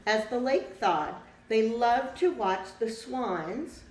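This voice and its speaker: Reading slowly and with animation, a female teacher shares a picture book with her class, her rather high voice carrying a darkish tone. She adds easy, casual asides to explain things along the way. The sound is echoey and distant, with faint noise behind it.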